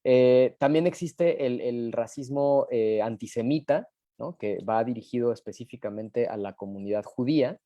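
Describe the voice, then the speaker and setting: Dark-voiced Mexican man explaining. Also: mid-range voice, moderate pace, no echo. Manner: many fillers, rhetorical questions. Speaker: panelist. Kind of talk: explanatory talk. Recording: online live talk.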